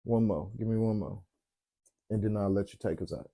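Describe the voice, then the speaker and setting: A weary podcast host with a deep, mellow, creaky voice of fairly low pitch chats at a normal speed, yawning as he goes. His talk is relaxed and wandering, full of ums as he searches for words, much like a late-night host winding down.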